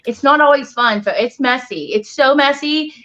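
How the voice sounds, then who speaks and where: This paranormal investigator and healer has a high-sitting, somewhat bright voice at a normal pace. Speaking on a casual panel, she sounds earnest and emphatic, though the online audio is dull and lo-fi.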